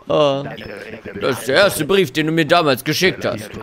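Chatty German gaming host, lively voice. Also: male voice, fairly high pitch, measured pace, a crowd in the background. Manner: chatty, jokey, talks to viewers. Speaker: let's play host. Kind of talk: casual gameplay commentary. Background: game music.

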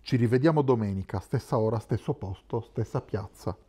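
A man's voice: mid-range voice, brisk, dark tone, breathy edge, natural voice. A man reading the part of a burly, scheming former miner in an audiobook, speaking bluntly. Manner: blunt, conspiratorial.

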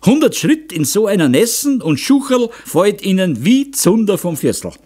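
A hearty young mountain hunter, voiced by a male audiobook reader, talks in a broad Bavarian accent. His folksy dialect is reassuring and cheerful, with a lively, swinging pitch that rises above the reader's usual tone. It is an audiobook character voice. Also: normal speed.

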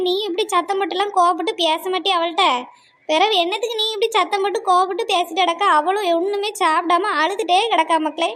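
A fretful elderly mother-in-law from a cartoon family drama, voiced by a performer. Her squeaky, very high voice rushes on, pleading and insistent. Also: pushed and bright.

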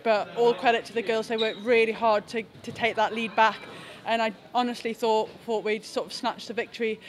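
A young woman speaks as a rugby captain in a post-match press scrum, her delivery level and unvaried. She thinks aloud, stopping and restarting phrases often. Close handheld press mics catch her indoors. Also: a little high. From England. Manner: reflective, halting with frequent restarts. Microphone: several handheld press mics close to her face.

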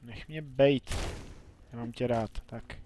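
A man's voice: mid-range voice, steady tone, noisy background. A young man giving chatty, playful commentary while playing a video game, talking to himself and the game. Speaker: let's play gamer. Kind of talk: casual gameplay commentary.

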